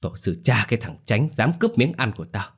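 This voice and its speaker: A starving, possessed old grandmother, as a male narrator puts her on, spits out curses in a snarl and breaks into screams. The voice sits higher and louder than his own deep tone, and it is harsh and wild throughout. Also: very animated, a little fast, creaky, husky, exaggerated voice. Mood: frantic screaming. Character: ravenous foul-mouthed old grandmother, possessed and ghoulish.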